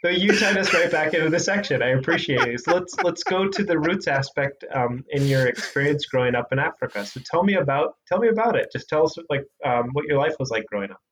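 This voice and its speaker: A man's voice: fairly high pitch, expressive, fairly bright tone, rough recording. Upbeat male interviewer over background noise. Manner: encouraging, quick reactions. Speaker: podcast host. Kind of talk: interviewer chat.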